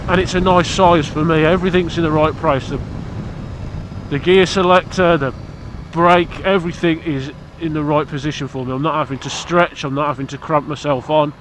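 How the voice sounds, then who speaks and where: This motorcycle vlogger is a British man, stuffed up with hay fever, chatting outdoors to camera about his bike in a rambling, blunt, cheeky manner. His voice is on the high side, fairly even, at normal speed, with a little hiss or hum.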